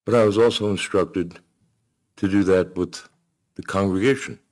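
Deep-voiced man preaching a sermon. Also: normal speed, darkish tone. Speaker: pastor.

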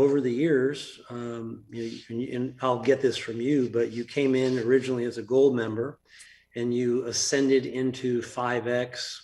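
A man hosts a relaxed podcast interview, friendly and loose, circling back through his sentences with plenty of fillers. His voice sits at an ordinary middle pitch for a man. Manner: friendly, rambling, many fillers and restarts. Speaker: podcast host and business coach. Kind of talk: casual interview.

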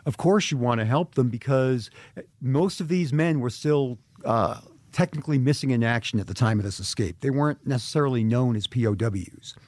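A man's voice: mid-range voice, normal speed, a little mellow, dry recording. A middle-aged man speaking as an author in an interview, earnest and reflective, often restarting his sentences. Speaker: author and guest. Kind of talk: interview conversation.

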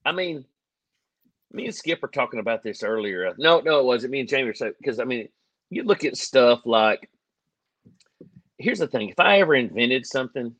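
A man's voice: mid-range voice, lively intonation, normal speed, pauses often, a bit bright, no room sound. A man co-hosting a podcast, rambling and joking in casual chat, often laughing as he talks. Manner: rambling, jokey, laughs easily. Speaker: podcast co-host.

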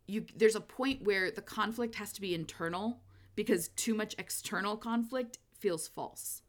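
A woman co-hosting a podcast, chatting casually about books in an animated way and laughing often. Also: medium pitch, normal speed. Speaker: podcast co-host. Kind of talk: casual book discussion.

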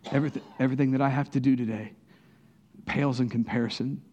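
A man preaching a sermon as pastor, talking conversationally, rising in bursts of emphasis and dropping to a soft near-whisper in prayerful moments. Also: medium pitch, steady tone, fast talker, highs cut off, slight background noise.

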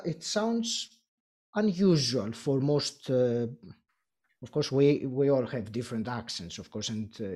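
Man with a Greek accent, pausing often. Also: mid-range voice. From Greece. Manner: thoughtful, many filler pauses, laughs lightly. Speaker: podcast guest. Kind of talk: casual interview.

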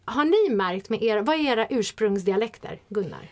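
A woman hosts a casual chat at a mid pitch. She is chatty and keeps the talk moving with short affirmations. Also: expressive, a little mellow. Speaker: host. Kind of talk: casual interview.

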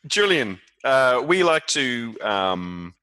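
Bright-voiced man hosting a podcast. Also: mid-range voice, very animated, smooth, dry recording. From Australia. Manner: friendly, halting with fillers and restarts. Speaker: podcast host. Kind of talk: casual podcast chat.

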